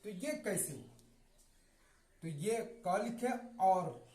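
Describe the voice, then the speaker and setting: Slow, lively-pitched man teaching letters. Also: roomy sound. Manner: slow, repeats each word to drill it. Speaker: Hindi reading teacher. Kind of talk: classroom-style explanation.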